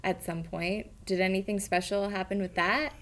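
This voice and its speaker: A woman's voice: medium pitch, fairly even intonation, normal speed, a bit bright. A woman leading a casual podcast chat, asking her castmates questions. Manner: encouraging, many backchannels. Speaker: podcast host, asks questions.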